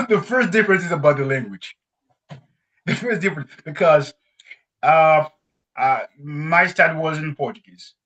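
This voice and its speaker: A man from Congo, whose first language isn't English, speaks English as a guest in a casual classroom conversation about learning languages. The recording is rough, and his voice is on the high side. He's expressive and animated, laughing frequently.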